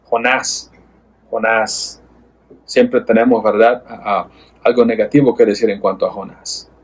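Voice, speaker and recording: A man's voice: fairly low pitch, steady tone, normal speed, a little mellow, slightly rough. A man teaching a church Bible class, earnest and full of rhetorical questions to his listeners, often restarting and repeating words.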